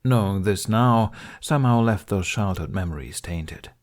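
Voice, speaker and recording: Reading a fantasy novel for an audiobook, a man narrates scripted storytelling in a fairly low register at a moderate pace.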